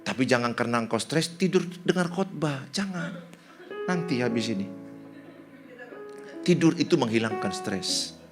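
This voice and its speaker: Animated Indonesian pastor preaching. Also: male voice, mid-range voice, moderate pace, long pauses, music in the background. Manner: animated, joking with the congregation. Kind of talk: sermon.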